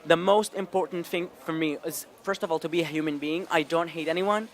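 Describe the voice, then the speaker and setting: A man's voice: fairly high pitch, steady tone, brisk. A man from Israel giving interview answers, eager and stumbling over repeated restarts.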